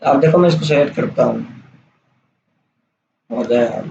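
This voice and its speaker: A man giving a casual, step-by-step software tutorial over a screen recording, checking in often with the listener. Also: medium pitch, measured pace, creaky. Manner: casual, explains step by step with "theek hai" checks. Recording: roomy, dull lo-fi sound with faint hiss.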